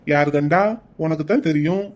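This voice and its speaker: A man voicing a grumpy, teasing old grandfather in a cartoon, with a gruff, mocking delivery. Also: a little high, normal speed, lightly acted. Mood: scornful. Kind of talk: cartoon voice acting.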